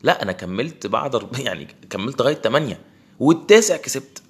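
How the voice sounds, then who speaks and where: Fast-talking Egyptian young man. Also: medium pitch, big pitch swings, slightly rough. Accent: Egyptian Arabic. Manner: rapid, mixes English phrases, frequent restarts. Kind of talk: casual reflective monologue.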